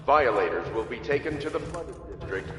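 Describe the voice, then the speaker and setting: An actor playing a stern, authoritarian city announcer, heard as a public loudspeaker broadcast giving formal commands. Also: male voice, medium pitch, animated, brisk. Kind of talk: video game playthrough. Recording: echoey loudspeaker from far off, noisy street.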